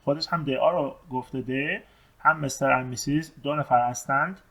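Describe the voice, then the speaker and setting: A man teaching English, reading test sentences slowly and then translating and explaining them. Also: medium pitch, fairly even intonation, fairly bright tone, low-quality recording.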